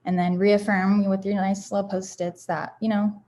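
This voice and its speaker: With a warm, mid-range voice and flat delivery at a moderate pace, a founder talks casually about self-help affirmations. Her motivational talk is candid and wandering, full of fillers and false starts.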